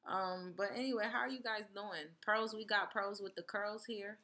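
Giggly woman podcast host, bright tone. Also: medium pitch, fairly even intonation, moderate pace. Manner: giggly, chatty, many fillers. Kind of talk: casual chat.

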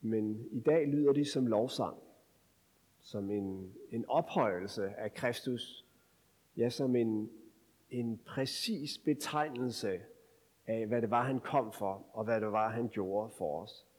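A male pastor giving a scripture reading and sermon with a measured, solemn delivery. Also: lowish voice, darkish tone. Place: church. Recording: long church reverb.

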